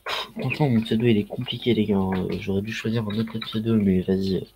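A man's voice: on the low side, steady tone, a little fast, darkish tone. A man with a Ch'ti accent chatting casually on a livestream through a headset mic, rambling with lots of fillers and slang. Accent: Ch'ti (northern French). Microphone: headset microphone.

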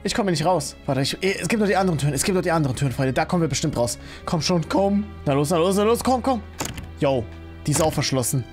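A man giving scared, jumpy commentary on a horror-themed game, swinging between high panicked yells and low fearful muttering while talking to his viewers. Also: expressive, fast, soft background music. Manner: keeps talking to viewers as friends. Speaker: gaming YouTuber.

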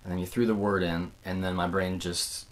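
A man's voice: low voice, level tone, moderate pace, a little hiss or hum. A man in his thirties chatting casually as a guest in a small home room. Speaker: guest test subject. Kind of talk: casual chat.

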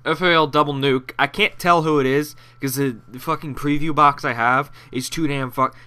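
A man's voice: a little high, steady tone, normal speed, bright, forceful tone, clear, resonant tone. A young man giving rambling, profane, sarcastic commentary over his gameplay, with a nasal voice. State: out of breath. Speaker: gaming commentator.

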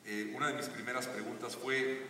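A man's voice: medium pitch, level tone, normal speed, sharp tone, slight background noise. Earnest man speaking in an echoey theater. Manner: earnest, building to emphatic climaxes. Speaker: guest speaker on a live stage talk. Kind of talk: motivational storytelling on stage. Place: large theater stage with audience. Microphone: stage PA, recorded from the audience seats. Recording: echoey theater audio from far off.

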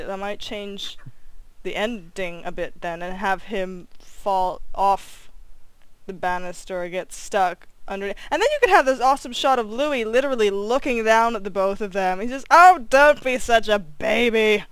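A woman's voice: mid-range voice, moderate pace, clean tone, no echo, poor audio. A young woman running a casual online voice call with her cast, laughing often and thinking aloud. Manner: giggly, chatty, thinking aloud. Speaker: student animator running a voice cast meeting. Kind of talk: casual group chat.

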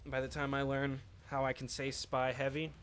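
A man's voice: medium pitch, monotone, moderate pace, a bit bright, a little hiss or hum. A man giving casual let's-play commentary, rambling and joking to himself while he plays. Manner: rambling, joking, talks to himself mid-game. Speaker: gameplay commentator.

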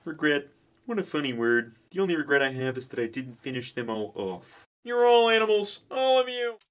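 Man voicing a bitter, animated washed-up celebrity frog. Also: on the high side, normal speed, a little hiss or hum. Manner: theatrical, aggrieved. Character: bitter washed-up male celebrity frog, volatile and self-pitying. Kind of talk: mock documentary interview.

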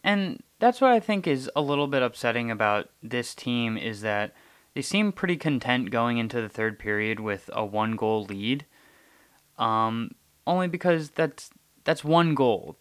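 A young man hosts a podcast of casual hockey chat, often repeating words as he thinks. His mid-range voice is animated and clean-toned, at a measured pace.

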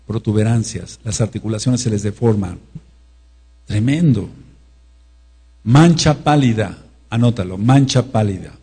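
A man's voice: medium pitch, warm tone, breathy edge. A man with a Mexican accent teaching a sermon, repeating key words and asking his listeners questions. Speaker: preacher.

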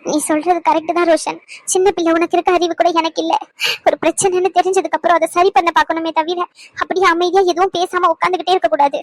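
A woman's voice: extremely high pitch, little pitch movement, fast, no room sound, poor audio. A woman voicing cartoon dialogue in an emphatic, scolding, lecturing way. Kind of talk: cartoon voice acting.

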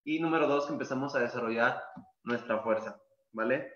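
A man's voice: medium pitch, brisk, fairly bright tone. A man who coaches calisthenics, explaining in a loose, casual way full of "pues" and repeated words. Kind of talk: masterclass explanation. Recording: echoey room, dull lo-fi sound.

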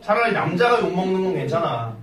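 A man's voice: high voice, sing-song, fast talker, fairly bright tone. A male math teacher lecturing a class, breaking off to tell jokey stories. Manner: jokey storyteller, acts out drama scenes. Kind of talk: classroom lecture with joking asides. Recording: echoey classroom from far off.

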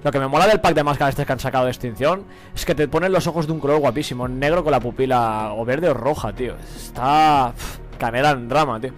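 A man's voice: mid-range voice, quick pace, soft background music, rough recording. A young man with a Spain Spanish accent, giving slangy, profane live gameplay commentary and laughing often. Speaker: gaming streamer.

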